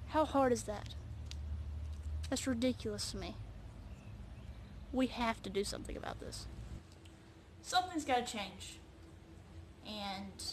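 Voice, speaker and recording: A woman speaks close to the mic in a slightly high voice. She sounds emphatic and rallying and leans hard on key words. The recording has a roomy echo and a faint hiss underneath. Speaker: vlogger. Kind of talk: direct-to-camera vlog and announcement. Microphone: phone or camera close to her face.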